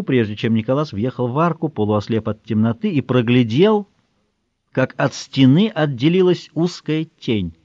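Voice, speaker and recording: A man narrating a novel as an audiobook in a measured, expressive reading. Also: fairly high pitch, dry recording, highs cut off. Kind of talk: scripted narration.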